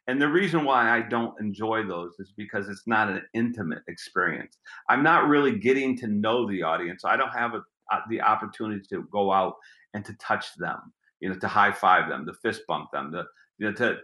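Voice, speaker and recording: Answering an interview in a meandering way, this middle-aged street magician has a gruff voice and repeats words as he works out his thoughts. He speaks briskly in a lowish, sharp tone, with reverberation around him.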